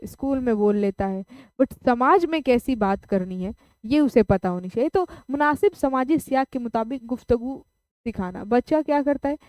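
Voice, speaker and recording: Brief: woman teacher, high voice, dry close sound, explains through examples. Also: animated, moderate pace, darkish tone, dry recording. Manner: explains with everyday examples, checks in with "okay?". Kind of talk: online class lecture.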